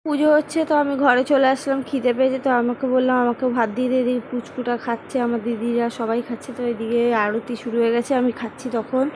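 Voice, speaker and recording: Woman, middle-aged, casual vlog narration, rambling, talks straight to viewers, slightly high voice. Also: level tone, fast talker, hardly any pauses, background noise. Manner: chatty, rambling, addresses viewers directly. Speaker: vlogger.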